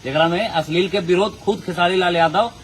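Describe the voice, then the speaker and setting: Brisk and high-voiced, a man hosting a channel pleads earnestly with viewers, as if appealing with folded hands, in casual commentary. The recording is low quality, with a bit of hiss or hum.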